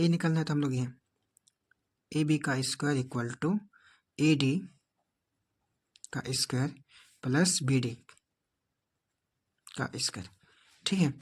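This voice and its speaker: A man teaching a board exam math lesson, explaining each step and checking in often with the class. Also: a little high.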